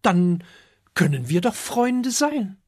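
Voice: medium pitch, very animated, slow, dry recording, studio quality, voice pushed up. A reader voicing a friendly, helpful young fire dragon in a children's story, speaking eagerly and encouragingly.

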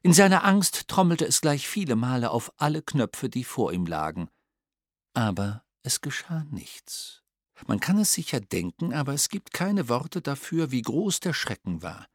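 A man reading a children's storybook aloud in an expressive, playful manner. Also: mid-range voice, a little slow, no room sound, clean studio sound. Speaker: audiobook narrator. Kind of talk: storybook narration.

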